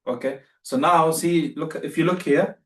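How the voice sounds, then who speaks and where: A man's voice: a little high, steady tone, normal speed, a bit bright, reverberant, distant mic. A man teaching beginner Arabic in a live online class, patient and repeating himself as he corrects students.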